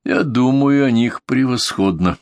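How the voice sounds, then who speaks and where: A man reading the part of a tired old male general who speaks in a flat, seemingly indifferent voice. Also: medium pitch, a little slow, no echo, natural voice. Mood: weary. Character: weary old male Boer general, calm and stoic.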